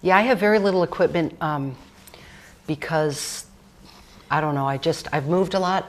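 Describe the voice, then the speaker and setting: A woman's voice: deep voice, moderate pace. A woman cookbook author chatting casually through a cooking demonstration, rambling with jokes and fillers.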